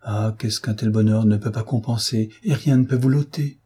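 A man's voice: lowish voice, steady tone, moderate pace, mellow, breathy edge. A male reader voicing a heartbroken young woman in an audiobook, speaking in anguished, impassioned outbursts.

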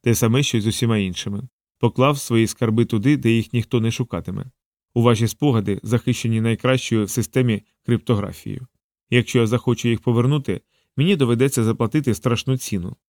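A man reading an audiobook, voicing a calm, mysterious thief who speaks quietly and with detachment. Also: mid-range voice, fast, no room sound, clean studio sound, lightly acted. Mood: quietly apologetic.

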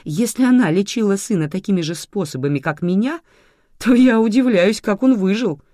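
A woman voicing an angry, bedridden adult daughter in an audiobook, shrill and indignant. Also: sing-song, moderate pace, darkish tone, no echo, studio quality. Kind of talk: audiobook reading.

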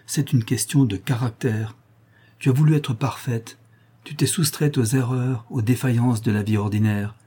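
A man's voice: fairly low pitch, mellow, husky. A man voicing a composed, indignant wife. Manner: firm, reproachful. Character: composed indignant married woman.

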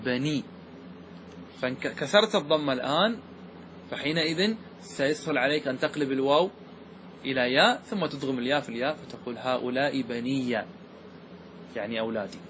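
A man's voice: medium pitch, expressive, fairly bright tone, a little hiss or hum. Man teaching grammar, quizzing his class. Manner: asks students questions, slows to stress key words. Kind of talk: classroom lesson explaining verse.

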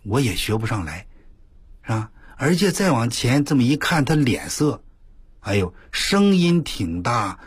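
Husky older man telling a folksy tale. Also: mid-range voice, no room sound, clean studio sound. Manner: animated, full of exclamations, drawn-out emphasis. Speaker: radio storyteller. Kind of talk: folksy spoken storytelling. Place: radio studio.

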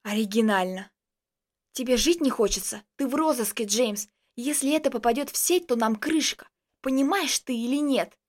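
A cheeky young friend with a mocking, teasing way of talking, voiced by a woman reading a story aloud. His voice sits high. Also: moderate pace, close to an everyday voice. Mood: alarmed.

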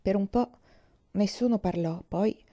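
A woman narrating a classic novel as an audiobook, in a calm, measured reading. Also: medium pitch, lo-fi sound. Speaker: audiobook reader.

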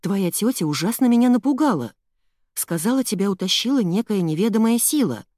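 A fussy, strict mother who scolds with emphatic force, as a woman puts her on in a storybook reading. Her lines leap about in pitch, and the recording is close and completely dry. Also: animated, fairly quick, darkish tone, dry recording, close to an everyday voice. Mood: relieved.

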